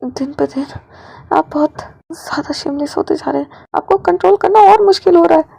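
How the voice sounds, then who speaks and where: A woman's voice: high voice, little pitch movement, moderate pace, creaky, darkish tone. A woman voicing a flustered young male singer in a storybook reading, stammering and scolding.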